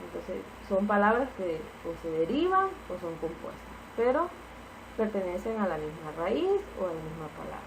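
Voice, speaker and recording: A woman teacher walks through spelling rules with example words in a patient, explanatory way. Her voice sits at a middle pitch. A faint hum of background noise sits under her. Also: big pitch swings, moderate pace, rough recording. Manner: patient, explanatory, repeats key points with "entonces".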